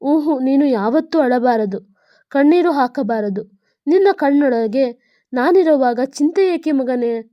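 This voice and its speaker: A woman's voice: high voice, animated, measured pace, no room sound, dull audio. A woman voicing a dying old mother who pleads tenderly with her son in a letter. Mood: tender, pleading.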